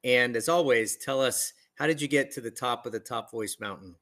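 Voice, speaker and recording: An enthusiastic man opens a live podcast over a video call, welcoming everyone brightly. His voice has a bright, forceful edge at a medium pitch. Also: moderate pace. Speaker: podcast host.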